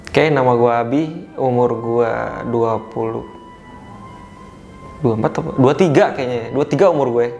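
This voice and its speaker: A man's voice: medium pitch, normal speed, darkish tone. A young man with a mid-range voice talks in blunt, slangy street speech and swears freely. Faint music plays behind him. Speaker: interviewee. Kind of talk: casual vlog interview answers.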